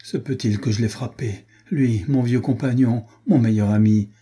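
A man's voice: mid-range voice, normal speed, warm tone, slightly rough, close to an everyday voice. A man voicing a distraught young nobleman. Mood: anguished. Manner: anguished, pleading, explosive.

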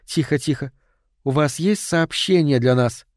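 Calm female medium, hushed slow voice, dark mellow tone, dry close sound, read by a man. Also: medium pitch, dry recording, close to an everyday voice.

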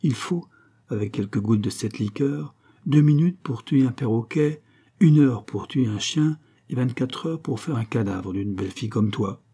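A man reading an audiobook and voicing a cold, scheming mysterious man who speaks calmly and with command. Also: mid-range voice, moderate pace, husky. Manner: icy, calm, commanding.

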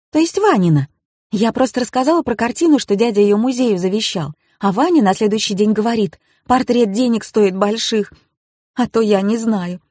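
A woman reading an audiobook, voicing a naive, easily confused young woman who squeaks out anxious questions. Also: dark tone, no echo, clean studio sound, lightly acted.

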